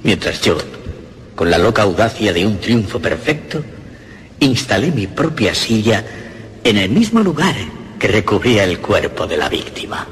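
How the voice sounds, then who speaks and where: Theatrical man telling a dark tale. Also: very animated, normal speed. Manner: theatrical, pitch swinging widely. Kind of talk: dramatic storytelling reading. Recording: clear crowd noise behind.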